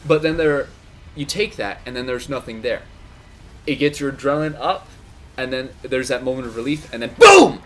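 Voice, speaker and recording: A man's voice: medium pitch, moderate pace, background noise. A man co-hosting a casual podcast chat, leading the talk with rambling questions. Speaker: co-host.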